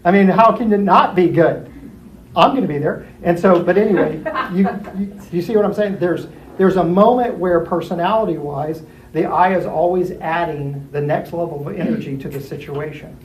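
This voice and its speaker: A man teaching a Bible study class in a lively, animated way, acting out people's thoughts in put-on voices. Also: fairly high pitch, normal speed. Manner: lively, acts out characters in jumpy put-on voices. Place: church classroom. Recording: roomy echo, faint room noise.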